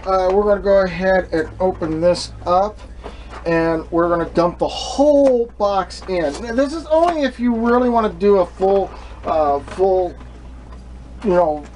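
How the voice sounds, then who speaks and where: Standing at his stove, a young home cooking video host records himself on a camera mic in a small kitchen. His voice is high yet darkish in tone, and he rambles casually through the demonstration with lots of fillers and false starts. The recording is low quality, with slight background noise.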